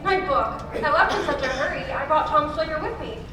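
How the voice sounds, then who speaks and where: Woman playing high-voiced, quaint male guardian angel. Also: animated, brisk. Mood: earnest. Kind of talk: old-time radio play acting. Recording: echoey hall, distant mic, noisy background.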